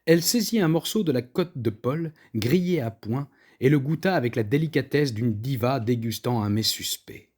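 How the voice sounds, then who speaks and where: A man narrating a comic story in a lively, theatrical storybook reading. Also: mid-range voice, moderate pace.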